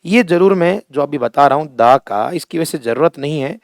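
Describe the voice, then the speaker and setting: A man's voice: a little high, animated, vocal fry, dry recording, studio quality. A middle-aged man teaching a classroom lesson at a board, speaking with a Hindi accent, drawing out words to stress how they sound and calling his students fondly by family terms. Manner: slow, emphatic, drawn-out words when stressing pronunciation; addresses students fondly as "beta" and "bhaiya".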